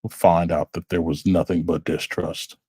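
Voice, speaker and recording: Co-host: low flat gravelly man, slow reflective delivery full of fillers, dark husky tone, dry room. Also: dry recording. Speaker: podcast co-host. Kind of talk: casual chat.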